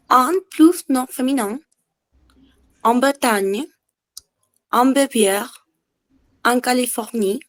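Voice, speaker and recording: A woman slowly reading out French grammar rules and example sentences in a deliberate, drawn-out manner. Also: high voice.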